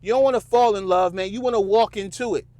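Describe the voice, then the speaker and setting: A man's voice: high voice, fast, dark tone, no room sound. A middle-aged man, hosting a podcast and giving a casual, preachy motivational talk to men that's full of "man" and "bro.". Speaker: podcast host.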